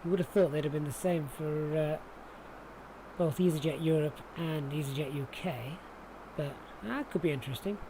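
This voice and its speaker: A man from Sheffield, England, gives casual live commentary on his flight simulator stream, thinking aloud and chatting to viewers in a Yorkshire accent. He talks at a moderate pace in a slightly high voice. Background noise can be clearly heard.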